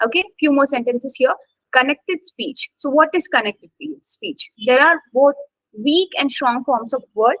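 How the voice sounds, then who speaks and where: A woman with a high, bright voice leads a live online English lesson. She keeps asking "okay?" and urges her students to answer. The sound is dry and close on a computer mic. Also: unhurried, no echo, low-quality recording. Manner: checks in constantly with "okay?" and coaxes students to speak. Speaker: English exam instructor. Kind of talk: live online class teaching.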